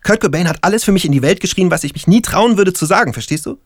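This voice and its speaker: A man reading an audiobook, voicing a crude, excitable young stoner who works as a stonemason and speaks in a blustery way. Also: sits high, fast talker, dry recording, studio quality, voice pushed up. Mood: indignant. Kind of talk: audiobook character voice.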